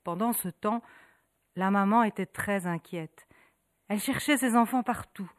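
A woman's voice: mid-range voice, dry recording. Dry-voiced woman telling a story. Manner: rhythmic, repetitive, dramatic pauses. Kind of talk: storytelling narration.

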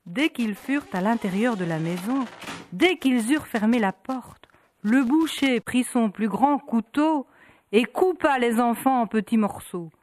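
A woman narrating a folk tale in a rhythmic, repetitive storytelling manner with dramatic pauses. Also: fairly high pitch, animated, a little mellow, a little hiss or hum.

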